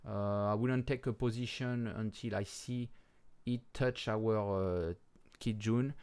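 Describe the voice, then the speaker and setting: A native French speaker with a French accent gives casual market commentary over crypto charts, halting with many pauses and restarts and now and then swearing bluntly. His voice is lowish and a little mellow.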